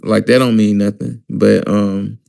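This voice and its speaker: A man's voice: lowish voice, flat delivery, a little slow, gravelly, a little mellow. A man from Alabama with a Southern American accent, hosting a casual discussion in a conversational, questioning way. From Alabama, US Deep South. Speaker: host.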